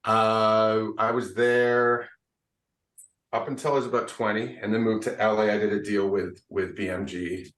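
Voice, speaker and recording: A low-voiced man from Canada speaks as an interview guest, recorded a little back from the mic in a roomy space. He talks in an unhurried, reflective way, often restarting his sentences. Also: level tone, fairly bright tone, far from the mic. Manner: thoughtful, unhurried, with frequent uh and restarts. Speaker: singer-songwriter guest. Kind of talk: casual interview chat.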